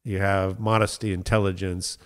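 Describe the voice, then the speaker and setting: A middle-aged man from the United States, talking as a winemaker guest in a relaxed interview, thoughtful and enthusiastic with frequent fillers. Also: sits low, normal speed.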